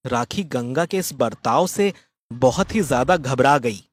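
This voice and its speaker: A man narrating a dramatized moral story in a steady, plain storytelling manner. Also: medium pitch, measured pace.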